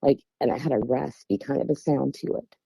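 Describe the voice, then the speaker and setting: A woman's voice: extremely low pitch, brisk, gravelly, mellow, husky, no room sound. A middle-aged woman from West Virginia with an Appalachian accent, casually telling a personal story in a plain-spoken, meandering way. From West Virginia, USA. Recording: dull, lo-fi, dry close sound.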